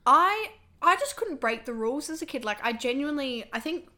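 A woman's voice: high-pitched, lively intonation, a little fast, pushed and bright. A young adult woman, hosting a podcast in casual, chatty, confessional talk, her voice a little worn as she loses it. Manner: chatty, filler-heavy, confessional. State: losing her voice. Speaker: podcast host.

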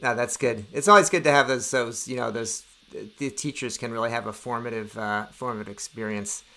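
A man's voice: medium pitch, steady tone, fairly quick, gravelly, sharp tone. A man hosting a health business podcast, introducing the episode and interviewing a guest in a conversational way. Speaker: podcast host.

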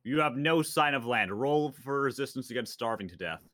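A man running a tabletop game on a casual podcast, setting scenes with deadpan humor. His voice is bright and forward, recorded close and dry. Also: mid-range voice, a little fast, dry recording. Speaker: game master and co-host.

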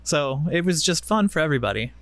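A man's voice: a little high, lively intonation, fast talker, a bit bright, dry recording. A man co-hosting a casual chat podcast, laid-back and joking, often laughing as he talks. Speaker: podcast co-host.

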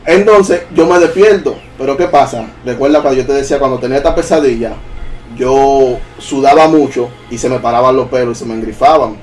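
Animated man telling a spooky story. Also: mid-range voice, brisk. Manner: animated, acts out his own dialogue. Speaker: guest telling a paranormal experience. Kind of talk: casual storytelling chat. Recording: distant mic with faint music.

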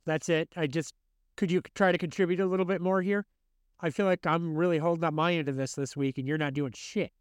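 Young man, podcast host, casual storytelling, swears a lot, fairly high voice, dry close sound. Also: brisk, smooth, no room sound. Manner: animated, swears freely, acts out quotes.

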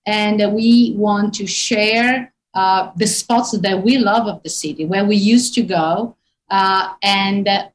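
A woman in her fifties with an Italian accent talks through an interview, stopping often on "uh" and "um" as she searches for English words. Her voice sits at an ordinary middle pitch, and her delivery is easygoing. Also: poor audio. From northern Italy. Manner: hesitant, many fillers. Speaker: tour guide guest. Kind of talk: interview on a call.

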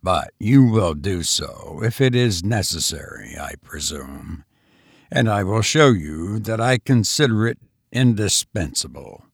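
A man voicing a dry, testy old gentleman. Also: low-pitched, expressive, unhurried, vocal fry, slightly rough, no room sound, pitched below the performer's own voice, full character voice. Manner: dry, clipped, commanding. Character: mysterious testy old gentleman suitor, curt.

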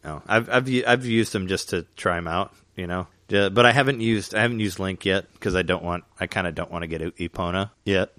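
A man with a very low voice talks through his video game progress in a loose, rambling way. He restarts sentences often and leans on fillers. The sound is dry and close. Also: brisk, hardly any pauses, a bit bright, dry recording. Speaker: gamer chatting. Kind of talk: casual chat.

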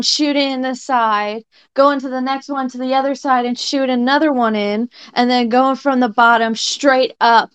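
High-voiced woman player, smooth and chatty, tabletop session. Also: no room sound. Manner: chatty, describes her character's moves. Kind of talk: casual tabletop play.

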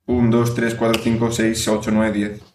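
A man's voice: fairly low pitch, monotone, a little mellow, distant mic, a little hiss or hum. A man under hypnosis, answering in a drowsy, hesitant way. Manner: drowsy, hesitant, slow counting. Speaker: guest being hypnotized. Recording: roomy, off-mic.

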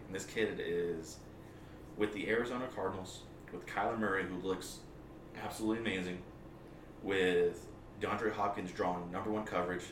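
A man co-hosting a sports podcast, giving casual, opinionated commentary in an emphatic way. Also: low voice. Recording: distant, echoey room with clear noise.

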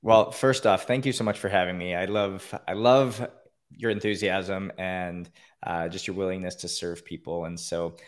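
A man's voice: sits low, steady tone, normal speed. A man from Canada, a podcast guest calling in, earnestly telling his own story with many fillers and restarts. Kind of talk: personal story in an interview. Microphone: call-in line.

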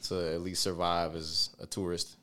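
A man's voice: low-pitched, little pitch movement, moderate pace, fairly bright tone. A man who is a singer, a guest on a podcast, talking in an easygoing, slangy way with casual swearing.

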